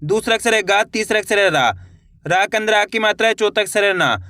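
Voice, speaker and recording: A man teaching a reading lesson online, sounding out words slowly syllable by syllable. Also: sits high, pushed and bright, no room sound, clean studio sound. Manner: slow, drawn-out syllable-by-syllable pronunciation.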